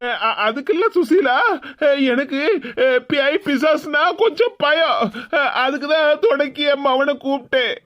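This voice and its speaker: A voice actor playing a timid, henpecked cartoon husband who stammers, with a Tirunelveli Tamil accent. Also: male voice, very high voice, unhurried. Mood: nervous. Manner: stammering, hesitant. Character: timid henpecked husband, scared of his wife. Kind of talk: cartoon voice acting. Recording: dull lo-fi recording.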